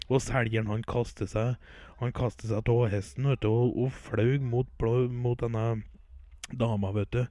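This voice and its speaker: A man's voice: mid-range voice, mellow, no echo. A man telling rambling folksy jokes in a casual comic style. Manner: rambling folksy joke-telling with filler words. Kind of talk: comic storytelling and sports commentary.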